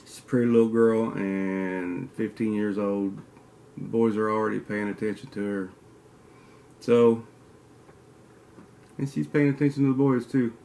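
Fairly low and mellow, with even intonation, vocal fry and frequent pauses, the man talks at a measured pace. He's a Kentucky-drawling outdoors channel host in his forties, casually vlogging to a desk webcam in an antler-decorated den and trading teasing trash talk.

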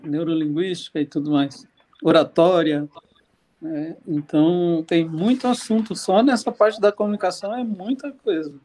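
A man co-hosting a podcast speaks at a normal pace in a slightly high, warm voice. His casual chat rambles, with many fillers and restarts.

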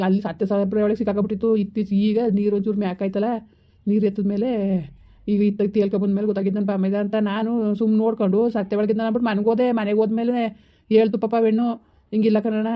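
A woman's voice: medium pitch, muffled recording, lightly acted. A woman in an amateur village skit, voicing a worried village man who pleads earnestly about a relative's death.

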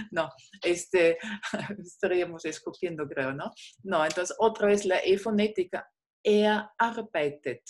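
A woman's voice: on the low side, a little slow, pauses often. A woman teaching a class, explaining step by step, patient, with many fillers. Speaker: German teacher. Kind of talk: online class lecture.

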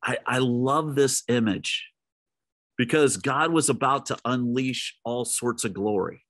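Dry-voiced pastor retelling a story. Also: male voice, a little slow, dry recording. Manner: storytelling, drops to a soft low voice for emphasis; speaks straight to listeners. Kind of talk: midweek sermon.

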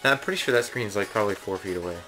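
A man's voice: fairly low pitch, racing, low-quality recording. A man giving casual, teasing commentary as co-host of a video game playthrough. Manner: joking, teasing. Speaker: co-host of a let's play. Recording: game music behind.

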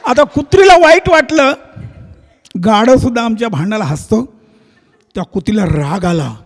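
Male stage comic from Maharashtra, high voice, lively storyteller, hall reverb. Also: normal speed. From Nanded, Maharashtra. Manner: animated, acts out voices and sounds. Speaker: comedian and shahir.

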